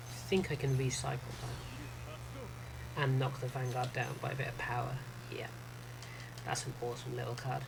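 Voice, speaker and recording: A man streams a card game live, chatting casually, thinking aloud about his moves and answering chat. His voice is medium-pitched and creaky, with noisy ambience in the background.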